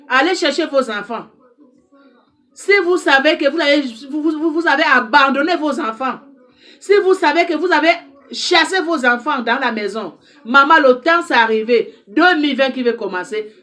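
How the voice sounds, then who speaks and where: A woman whose first language isn't French speaks it as an advice counselor in an impassioned direct-to-camera address, emphatic and repetitive as she urges on her listeners. Her voice is high, pushed, and bright.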